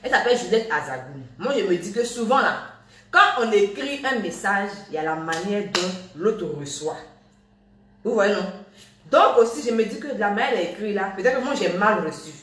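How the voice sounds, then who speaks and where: A young woman talking casually to her followers from home in a live video, animated and repetitive, scolding and then laughing it off. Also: mid-range voice, brisk. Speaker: social media personality. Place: at home, indoors. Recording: echoey room, voice a bit far from phone.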